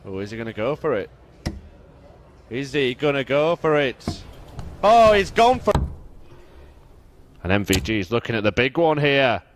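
A man's voice: medium pitch, big pitch swings, normal speed, long pauses, a little hiss or hum. A man giving live commentary on darts matches.

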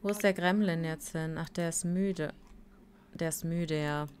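Streaming a life-sim game, a weary woman talks in a low-pitched, relaxed, unhurried way, welcoming viewers by name and cracking playful side comments. A little hiss or hum sits under the recording.

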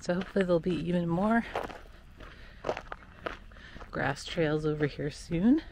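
Middle aged american lady doing a casual running vlog, voice a bit low, talking to her handheld camera. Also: unhurried, creaky, noisy background. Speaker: running vlogger. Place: on location at trails outdoors or in a parked car. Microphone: handheld camera at arm's length.

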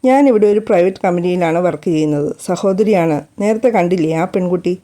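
A woman voicing a kind, joking young husband in a storybook reading, speaking softly and affectionately. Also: high voice, fairly quick, lightly acted. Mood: tender. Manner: soft, affectionate.

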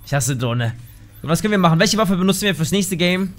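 A man giving casual gameplay commentary, excitable, yelping and swearing at the game into a desk microphone at home. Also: high-pitched, fast talker, faint music behind. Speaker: gaming YouTuber.

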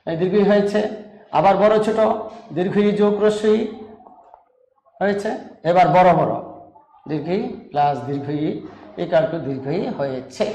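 A man's voice: high-pitched, a little mellow, reverberant. A man teaching a grammar lesson, explaining patiently step by step and asking rhetorical questions. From Bangladesh.

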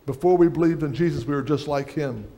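A man's voice: fairly high pitch, fast, warm tone. A middle-aged man preaching a sermon on a church stage, reading aloud from a book at a lectern.

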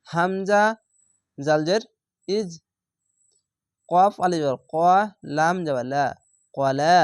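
A man teaching Quran reading, sounding out each letter and syllable slowly and patiently in a step-by-step lesson. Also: a little high, smooth, dry recording, clean studio sound. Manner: slow, drawn-out syllable-by-syllable recitation.

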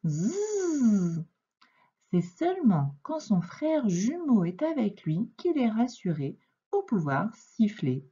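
Slow, patient woman teacher, muffled recording. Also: medium pitch, mellow. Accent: French. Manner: slow, clear, patient explaining with stretched words. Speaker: primary school teacher. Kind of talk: reading lesson for young children. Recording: dull, lo-fi home recording.

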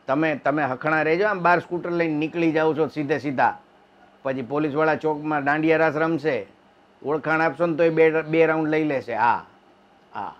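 A man telling jokes in an animated stand-up comedy monologue. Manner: animated storytelling, wife voices in high falsetto. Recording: dull lo-fi sound.

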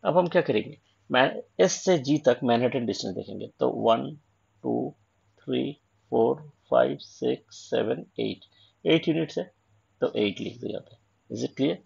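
An online tutor with an Indian accent walks through an assignment step by step, switching between English and Hindi. His medium-pitched voice has lively intonation, a slightly slow pace, vocal fry, a breathy edge and a somewhat mellow tone. The lecture is captured in dull lo-fi audio.

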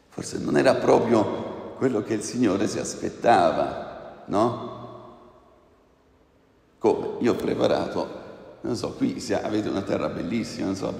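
A man preaching a sermon slowly and emphatically, his voice rising on key phrases. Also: fairly low pitch, vocal fry, mellow. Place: church hall. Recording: echoey church with long reverb.

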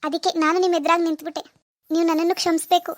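A woman playing a gentle young daughter-in-law from a village, who answers her mother-in-law politely in a homemade family drama skit. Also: very high voice, level tone, very fast, dry recording, studio quality.

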